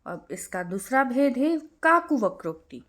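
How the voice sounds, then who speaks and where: Hindi grammar teacher, woman, higher voice. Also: big pitch swings, a bit bright. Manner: clear explanatory tone, recites verse lines slowly. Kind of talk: online grammar lesson.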